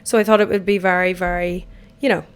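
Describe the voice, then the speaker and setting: An Irish woman in her twenties hosts a casual solo podcast from an empty bathtub at home, chatty, rambling, and self-deprecating, her voice croaky after a night out. She speaks fast in a lowish voice with little pitch movement.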